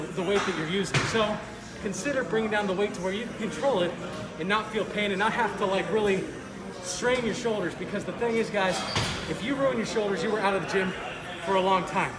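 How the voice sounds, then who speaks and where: High-pitched man talking through a face mask. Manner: informal, halting, self-correcting explanations. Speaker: fitness video creator, host. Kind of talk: casual instructional gym vlog, explaining exercises. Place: indoor gym. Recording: echoey gym, loud music behind. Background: loud music.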